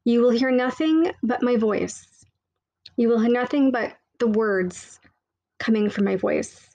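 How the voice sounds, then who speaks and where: Close to the microphone, a woman guides a meditation in a soothing, hushed, intimate way, using repetitive, hypnotic phrasing. Her voice sits on the high side and is unhurried, recorded lo-fi with no echo.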